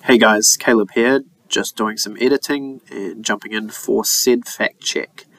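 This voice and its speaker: A young man, a co-host, records an inserted fact-check on a low-quality laptop microphone and reads legal text in a clear, measured way. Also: steady tone, a bit bright. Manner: clear, measured reading of quoted statutes. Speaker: co-host and editor.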